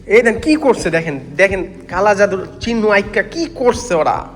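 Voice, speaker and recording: A man's voice: sits high, expressive, moderate pace, roomy sound, big-room sound. A young man hosts a ghost-hunting vlog in an abandoned hospital at night, pleading in fear and murmuring prayers. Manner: frightened, pleading, murmurs prayers under his breath. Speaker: paranormal vlog host.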